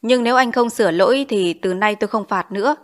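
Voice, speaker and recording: A woman's voice: mid-range voice, quick pace, close to an everyday voice. A woman voicing a stern male village schoolteacher in an audiobook, scolding with pointed questions. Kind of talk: audiobook character reading.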